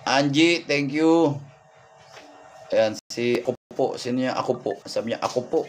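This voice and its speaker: Over soft background music, a folk healer reads signs on his livestream at a moderate pace in a mid-range voice. His delivery is repetitive as he points things out and gives shout-outs, thanking viewers by name.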